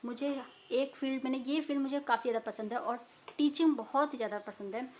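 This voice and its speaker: A woman's voice: high-pitched, steady tone, fairly quick, darkish tone. A woman tutor talking casually to viewers while reviewing a medical book, chatty and teacherly, recorded on a phone at home. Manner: chatty, teacherly, laughs and apologizes often.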